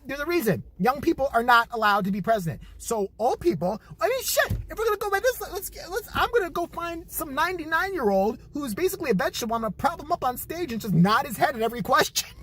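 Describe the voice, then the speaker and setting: A man's voice: very high voice, sing-song, fast talker, hardly any pauses, fairly bright tone. A man in his forties giving a rambling, profane comedic rant to camera. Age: 40s. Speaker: vlogger.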